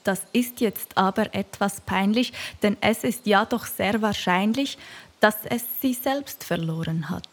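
A woman narrating a rhyming children's storybook in a soft, half-whispered voice. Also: mid-range voice, unhurried.

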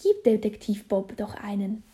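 A woman's voice: mid-range voice, very animated, normal speed, dark tone, close to an everyday voice. A woman voicing a young boy in a children's story, eager and chatty. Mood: boyish eager. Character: young boy Felix, cheerful then tearful.

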